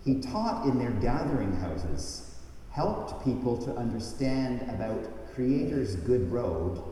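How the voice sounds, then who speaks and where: A man reads scripture at a church service, slow and deliberate, his tone dark and mellow while his intonation rises and falls in a lively way. His voice washes through a huge cathedral echo with a long reverb tail. He sounds far from the mic, with a faint hum of room noise behind him. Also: mid-range voice. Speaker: gospel reader at a church service. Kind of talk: liturgical scripture reading. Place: large church.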